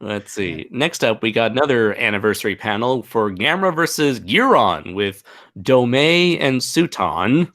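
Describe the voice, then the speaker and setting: A man's voice: medium pitch, expressive, fairly bright tone. Jokey man hosting a livestream chat. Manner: joking, pauses with "let's see". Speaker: livestream host. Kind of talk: casual panel chat.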